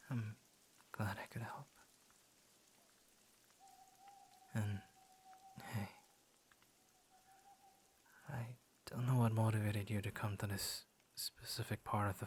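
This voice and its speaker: Warm and affectionate, a man performs an intimate scripted monologue as a gentle, lonely young werewolf who turns into a tender suitor. His lowish voice is soft and breathy with hesitant pauses and frequent whispers, with slight background noise.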